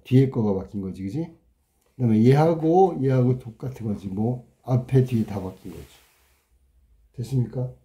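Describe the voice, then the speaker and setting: A man with a very dark, mellow voice teaches in a relaxed, chatty way as he works through test questions. He stretches words out to show how they are pronounced and keeps checking with rhetorical questions. His pitch sits right in the middle. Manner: talkative, sounds words out slowly and repeats them, asks rhetorical questions. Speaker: Korean language teacher. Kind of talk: casual exam walkthrough lesson.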